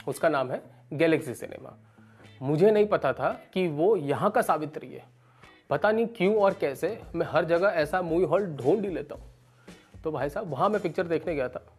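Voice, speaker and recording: A man's voice: a little high, normal speed, breathy edge, soft background music. A man in his thirties doing stand-up, telling comic stories and acting out other people's lines. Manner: animated, acts out characters with raised voice. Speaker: stand-up comedian. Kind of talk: stand-up storytelling.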